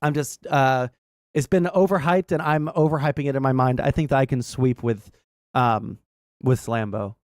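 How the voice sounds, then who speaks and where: A man's voice: mid-range voice, dry recording, clean studio sound. A man hosting a casual gaming livestream, rambling through his points in a blunt, sweary way and often checking in with "right?". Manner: rambling, halting explanations peppered with "right?". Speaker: livestream host.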